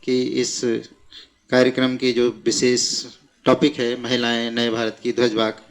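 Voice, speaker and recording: A man's voice: medium pitch, completely flat delivery. A man hosting an event, respectfully introducing the main speaker in a formal stage manner. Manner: slow and respectful.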